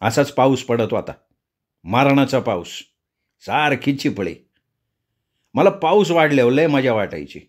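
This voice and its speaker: Man telling a folksy story. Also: medium pitch. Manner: folksy rural dialect, measured recounting. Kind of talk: storytelling narration.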